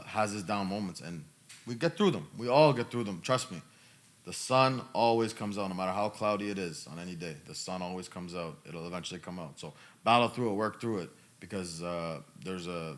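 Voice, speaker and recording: This podcast host, a man in his thirties, has a slightly bright voice on the low side. Answering questions in a casual chat, he's emphatic and repeats his phrases.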